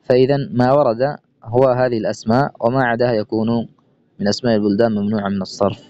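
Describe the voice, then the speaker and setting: A man teaching a grammar lesson, asking himself quick rhetorical questions and quoting verse. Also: medium pitch, level tone, mellow. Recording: dull lo-fi recording with faint noise.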